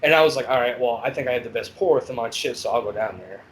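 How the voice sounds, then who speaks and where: A man on a podcast telling stories of his years as a corrections officer, in a blunt, profane, animated way. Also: medium pitch, fast, a little hiss or hum, poor audio. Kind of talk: casual storytelling chat.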